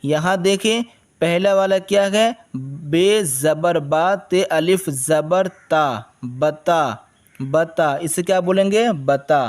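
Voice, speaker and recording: A man teaching beginners to read, spelling out letters and syllables slowly and repeating each word. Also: on the high side, darkish tone, no room sound. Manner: slow, patient syllable-by-syllable spelling with repetition. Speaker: Urdu teacher. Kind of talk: spelling out letters and words for learners.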